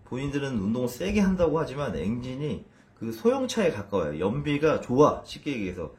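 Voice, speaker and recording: A man's voice: mid-range voice, big pitch swings, a little fast, a little mellow. A man in his thirties explaining exercise as a fitness trainer in a casual video, stumbling and restarting with a self-deprecating manner.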